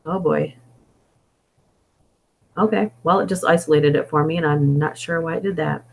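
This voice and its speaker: Using a budget desktop microphone, a woman runs a casual live stream where she reads stories and chats in between, thinking aloud and drifting between topics. Her voice is hoarse, as though wearing out, and sits low with a steady, darkish tone at normal speed.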